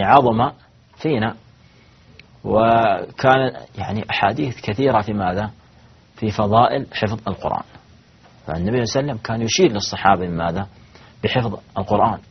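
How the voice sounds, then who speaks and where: A man teaches a religious lesson to a group of students, and his voice is low and husky. He talks quickly, asks questions and answers them himself, and often stops and restarts. The recording sounds dull and lo-fi. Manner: halting, with repeated false starts. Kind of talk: lecture to students.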